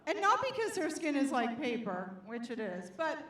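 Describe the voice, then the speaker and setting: High-voiced woman doing stand-up. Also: sing-song, a bit bright, a little hiss or hum. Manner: wry, punchy delivery with drawn-out punchlines. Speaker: stand-up comedian. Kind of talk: stand-up comedy set. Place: comedy stage before a live audience. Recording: roomy live venue.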